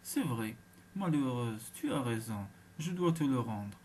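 A man voicing a solemn, deep-voiced male tree spirit who speaks in slow, grave pronouncements in a told folktale. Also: big pitch swings, darkish tone, slight background noise. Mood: stern.

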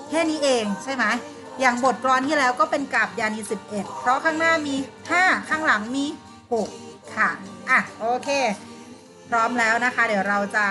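A woman teaching an online primary school class, patiently explaining and asking her pupils questions. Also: fairly high pitch. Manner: patient, coaxing, asks pupils questions and answers them herself.

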